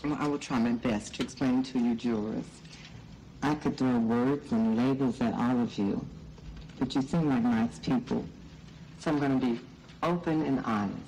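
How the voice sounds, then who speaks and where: A flirtatious transgender woman testifying in a film courtroom. Her voice is dark and mellow, her delivery poised, coy and sassy, with faint noise behind. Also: a bass voice, moderate pace, poor audio. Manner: coy, poised, playfully catty. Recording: faint noise and room ambience.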